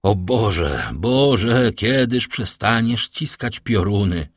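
A man voicing a grave, watchful doctor in an audiobook, talking low, solemn and ominous. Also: animated, takes it slowly, no room sound, clean studio sound, heavily acted. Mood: hushed grief. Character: grave, watchful male doctor of a grand house. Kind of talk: audiobook character reading.

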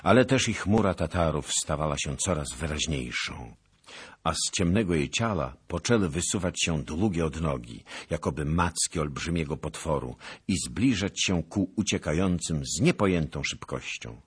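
A man's voice: a bass voice, lively intonation, normal speed, breathy edge. A man giving dramatic scripted audiobook narration that swells with the action.

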